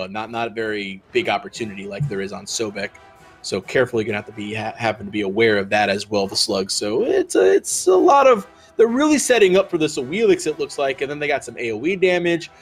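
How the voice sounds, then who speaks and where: A man's voice: medium pitch, sing-song, fairly quick, soft background music. A man casting a video game match, talking through picks with lots of fillers and restarts. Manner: rambling, filler-heavy analysis. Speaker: esports caster. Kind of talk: esports casting commentary.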